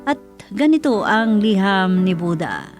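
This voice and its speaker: A woman's voice: medium pitch, very animated, measured pace. A woman radio host reading a letter aloud as dramatic scripted narration. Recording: music under the voice. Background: music.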